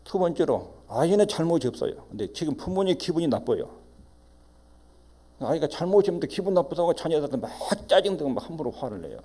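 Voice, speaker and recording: A man's voice: fairly high pitch, sing-song, brisk, dark tone, slightly rough. A middle-aged male pastor, preaching emphatically and acting out parents in quoted asides. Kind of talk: sermon.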